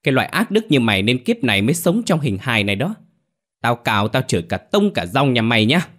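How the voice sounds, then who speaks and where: A man voicing a furious middle-aged mother who hurls rapid, scornful insults in a ghost story audiobook. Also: fairly low pitch, animated, fairly bright tone.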